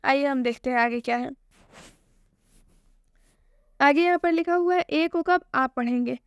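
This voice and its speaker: A woman teaches pronunciation in a high, clear voice. She keeps asking her own questions and answering them. The recording is dry and close, with no room sound. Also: a little fast, no room sound. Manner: repeats key points as questions and answers them. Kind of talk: screen-based video lesson.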